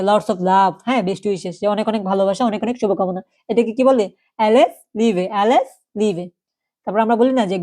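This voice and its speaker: A woman's voice: mid-range voice, warm tone. A woman teaching a recorded German class. She asks the class questions and repeats each German phrase twice. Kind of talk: recorded online language class.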